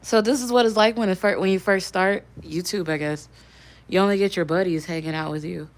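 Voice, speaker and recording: A woman's voice: lowish voice, steady tone, a little fast. Rambling, chatty young woman on a livestream. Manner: rambling and chatty, talking to viewers; swears casually. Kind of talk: casual live-stream chat.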